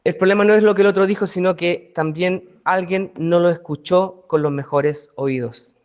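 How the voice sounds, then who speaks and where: A man's voice: high voice, normal speed, dull audio. A man, a pastor teaching a Bible study in a conversational way, often asking his listeners rhetorical questions.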